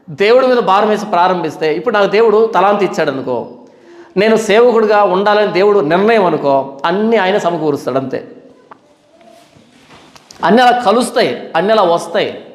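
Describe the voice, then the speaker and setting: A man's voice: high-pitched, lively intonation, normal speed, long pauses. A male pastor preaching a sermon in colloquial style, asking questions and answering them himself. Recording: echoey hall reverb.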